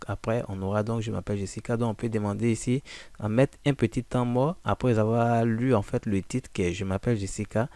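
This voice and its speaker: A man giving a casual, informal software walkthrough, addressing the listener directly with frequent fillers. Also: on the low side, no room sound. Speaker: software tutorial presenter. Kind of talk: casual screen-recording walkthrough.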